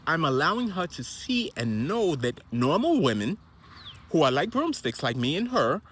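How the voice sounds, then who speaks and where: A man's voice: fairly high pitch, a bit bright, breathy edge. A man who is a minister, talking in a rambling, repetitive motivational monologue about health and family. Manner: rambling and repetitive, with wandering asides.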